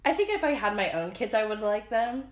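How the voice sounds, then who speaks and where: A young woman hosting a podcast in casual chat, with vocal fry, saying "like" often and laughing a lot. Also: medium pitch, sing-song, fairly quick, echoey room. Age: young adult. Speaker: podcast host.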